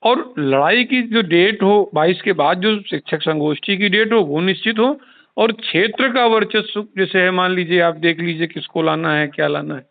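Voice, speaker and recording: This high-voiced man, creaky in tone and speaking at a moderate pace, plays a union leader on the phone. In a casual call captured with tinny audio, he explains things insistently and says the same points again.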